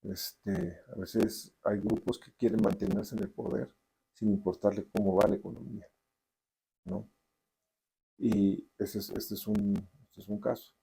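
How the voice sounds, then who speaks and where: A Mexican man, a novelist, answering interview questions deliberately with frequent restarts and hesitations. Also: lowish voice, steady tone, gravelly, mellow, breathy edge, low-quality recording. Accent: Mexican Spanish. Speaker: novelist guest.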